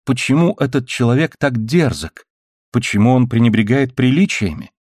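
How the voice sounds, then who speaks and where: In a clean studio recording without echo, a man narrates an audiobook in a mid-range voice. His storytelling is measured and even.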